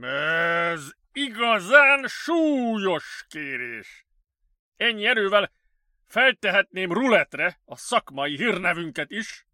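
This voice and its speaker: A man's voice: high-pitched, very animated, bright, forceful tone, no echo, studio quality, pitched above the performer's own voice, exaggerated voice. A man doing an exasperated clinic director. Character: older male head of a psychiatric clinic. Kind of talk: audiobook character voice.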